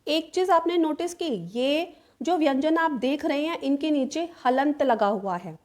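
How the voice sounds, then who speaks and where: Lady teacher with a high voice going through grammar rules, keeps checking in with "okay" and answers her own questions. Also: lively intonation, a little slow, darkish tone. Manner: repeats 'ठीक है' often, asks questions then answers them. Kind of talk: explanatory classroom lesson.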